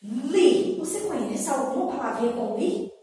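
A woman teaching a slow, sing-song lesson to young children, drawing out syllables and counting aloud. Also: sits high, animated, dark tone. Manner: drawn-out syllables, counting and asking questions. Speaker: preschool teacher. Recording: echoey room from far off.

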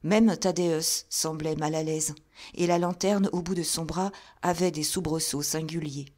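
Lady reading a novel aloud, lowish voice, steady and even. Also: unhurried. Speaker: audiobook reader. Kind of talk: scripted narration.

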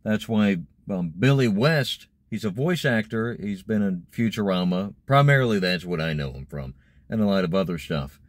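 A young man in a parked car talks casually to camera about voice acting, explaining things in a fairly low, expressive voice at a moderate pace. As a young adult vlogger, he is recorded with no echo.

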